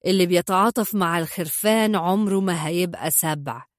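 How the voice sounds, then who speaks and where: A stern Egyptian father who answers everything with icy calm, read by a woman in her own voice. The delivery is measured and cutting, in a dry, close recording. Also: fairly low pitch, no echo, close to an everyday voice. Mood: cold calm. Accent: Egyptian Arabic.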